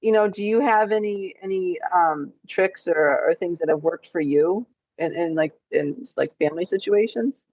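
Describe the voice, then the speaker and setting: A woman hosting a podcast interview in a casual way, hesitant with many restarts and quick affirmations. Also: on the low side, darkish tone, dry recording. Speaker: podcast host. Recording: slightly dull, dry sound.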